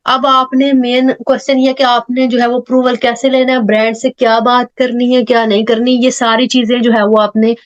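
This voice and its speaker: A woman's voice: fairly high pitch, flat delivery, normal speed, few pauses. A woman walking viewers step by step through a screen tutorial on online selling. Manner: step-by-step, explaining what is on screen. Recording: dull lo-fi voice-over.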